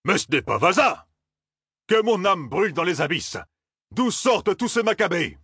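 A man voicing a loud, flustered riverboat captain who exclaims and blusters. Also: mid-range voice, very animated, normal speed, slightly rough, no room sound, studio quality, voice pushed up, full character voice. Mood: outraged.

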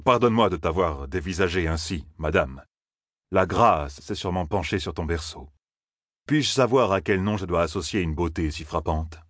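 A flattering, calculating captain, read by a male narrator who probes with courteous words. The voice is very deep and husky, and the recording is dry and close. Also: normal speed, no echo. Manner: smooth, courteous and probing.

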